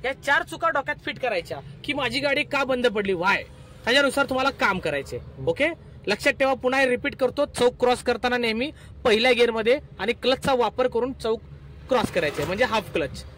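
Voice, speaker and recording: High-voiced driving instructor. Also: male voice, lively intonation, bright, forceful tone, slight background noise. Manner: instructive, repeats steps, brisk commands. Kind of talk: in-car driving lesson vlog. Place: inside a car in city traffic.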